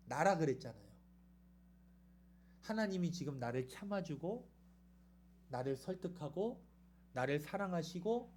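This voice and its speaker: A man preaching a sermon in a church, retelling the story in a lively way and putting questions to the congregation. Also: on the high side, a little hiss or hum. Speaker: pastor.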